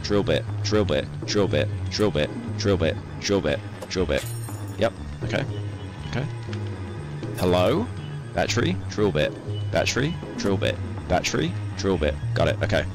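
A man's voice: deep voice, sing-song, a little slow. A young man streaming a game, panicking, swearing and repeating words as he plays. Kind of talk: live gameplay commentary. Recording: game music behind voice.

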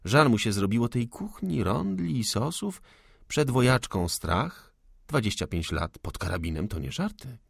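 A man voicing a proud young lady of the manor, calm, witty and unafraid, in an audiobook. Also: medium pitch, unhurried, creaky, no echo, studio quality, voice pushed up, heavily acted. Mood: storytelling lively. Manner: cool, ironic, unafraid.

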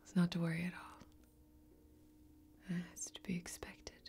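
In a soft-spoken ASMR role-play close to the microphone, a young woman plays a kindly, protective fantasy warrior, sounding gentle, whispery, folksy and reassuring. Her voice is lowish, with a completely flat delivery and measured pace.

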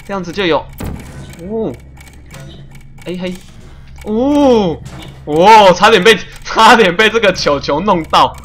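A man streaming a puzzle game live, chatty and excitable, laughing often and making little sound-effect noises as he plays. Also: high voice, a little hiss or hum. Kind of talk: live gameplay commentary.

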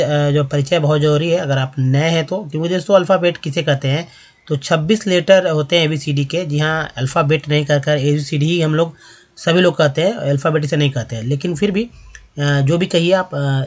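A man hosting a spoken language lesson, explaining briskly and reading word lists slowly and deliberately. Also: a little high. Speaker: English teacher and channel host.

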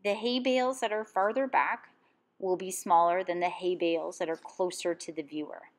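Calm, low-voiced woman teaching drawing. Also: moderate pace. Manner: calm step-by-step instruction. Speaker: art teacher. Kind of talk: drawing lesson voice-over.

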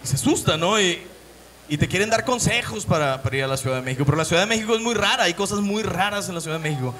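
Racing along in a high, bright, forceful voice with lively intonation, this young Monterrey comic has a northern Mexican accent, and a little hiss or hum sits in the recording. His stand-up is foul-mouthed and story-driven, full of impersonated voices.

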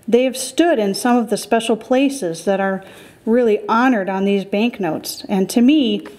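A woman's voice: medium pitch, measured pace, a little mellow. A middle-aged woman hosting a currency collecting show, giving careful scripted educational narration.

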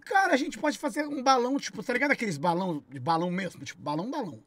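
A man's voice: high-pitched, expressive, very fast, a bit bright, dry recording. A man hosting a casual gaming stream, teasing and crude, laughing often. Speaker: streamer host.

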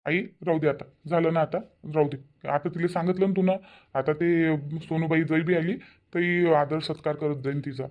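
A voice actor playing a grown man in a cartoon, a son and husband caught between his mother and his wife, who tries to calm things down. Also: medium pitch, normal speed, highs cut off, lightly acted. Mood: placating. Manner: placating, calming. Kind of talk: cartoon voice acting.

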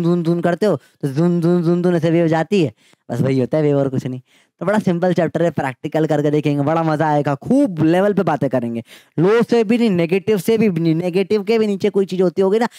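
A male physics teacher rallies his students in an upbeat coaching talk. His voice sits fairly high, and he fills his explanations with playful sound effects and slang. The sound is dry and close, with little room around it. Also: warm tone, no echo. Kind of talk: energetic coaching pep talk.

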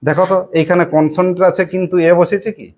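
A woman's voice: lowish voice, fairly even intonation, racing, a little mellow. A woman with a West Bengal Bengali accent teaching a primary school English lesson in a classroom, patiently repeating questions and prompting the pupils to answer. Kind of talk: classroom lesson with call-and-response drilling.

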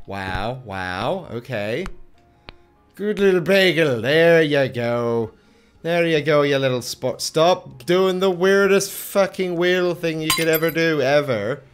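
A man narrating his own gameplay in a let's play, exasperated and cursing at the controls. His pitch swings widely and sits a little high for a man, while his pace stays unhurried. Faint music plays behind him. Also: animated. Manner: exasperated, swearing, yelling at the game. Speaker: gaming channel host.

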